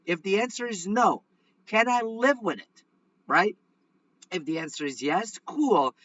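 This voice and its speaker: A man with a bright, forceful, fairly high voice hosts a money show, hammering his points home and playing out an anxious trader's thoughts. The sound is close and dry, but a bit muffled and dull. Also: lively intonation, unhurried, dry recording. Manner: emphatic, repeats points, acts out inner voices. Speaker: host. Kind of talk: casual talk-show commentary.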